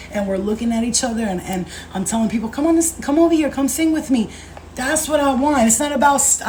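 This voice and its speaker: A woman in her thirties chats on a casual livestream, her voice sitting a little high. She is animated and slangy, swears freely, and keeps calling her viewers babe and baby. Faint noise hums behind her. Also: low-quality recording. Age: 30s. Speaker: spiritual coach and livestream host.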